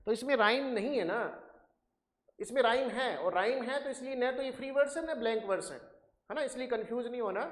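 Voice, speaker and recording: A man teaching an exam-prep lecture who repeats key points and keeps checking whether students follow. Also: high-pitched. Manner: repetitive, checks understanding with tag questions. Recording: echoey, reverberant room.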